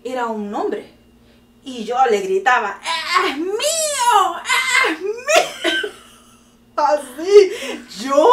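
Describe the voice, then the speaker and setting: A middle-aged Chilean woman tells a story in a high, bright voice, bursting into laughter and exclamations along the way. She sounds a little distant from the mic, in an echoey room. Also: a little hiss or hum. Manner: animated, laughing often, exclamatory. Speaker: podcast host telling a story to her daughter. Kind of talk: casual storytelling chat.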